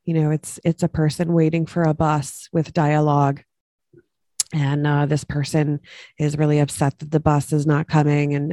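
A podcast co-host chatting casually, halting with many fillers and repeated words. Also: mid-range voice, darkish tone, dry recording, clean studio sound. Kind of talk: casual chat.

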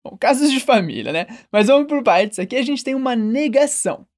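Brazilian woman teaching French phrases slowly. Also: fairly high pitch, lively intonation, a little mellow. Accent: Brazilian Portuguese. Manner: slow, carefully enunciated model phrases. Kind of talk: language lesson with repeat-after-me drills.

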